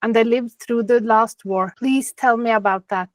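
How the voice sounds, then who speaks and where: A woman from Norway in her thirties, hosting a podcast interview and reading prepared questions in a measured way. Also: fairly high pitch, steady tone, no echo. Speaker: podcast host.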